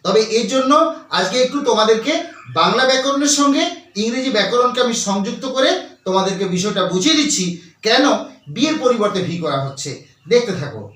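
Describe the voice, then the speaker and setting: A man with a very high voice teaches a grammar lesson, going step by step and repeating each point. He asks questions and answers them himself. He sounds distant from the mic, in a strongly echoing room. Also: expressive, fast talker, a bit bright. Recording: very echoey room, voice far from the mic.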